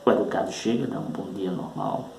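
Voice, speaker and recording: A man teaching a public speaking lesson, speaking slowly and emphatically and leaning hard on stressed syllables. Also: on the low side, creaky, darkish tone, reverberant, a little hiss or hum, poor audio. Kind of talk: recorded oratory lesson.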